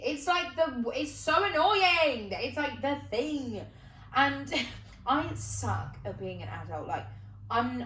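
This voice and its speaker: A woman talks through her stories casually and animatedly, swearing freely and laughing at herself. Her voice is bright and pitched a touch high, and it rings with a roomy echo. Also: recorded from a distance. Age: 20s. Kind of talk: casual storytelling monologue. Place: indoors, sitting on the floor.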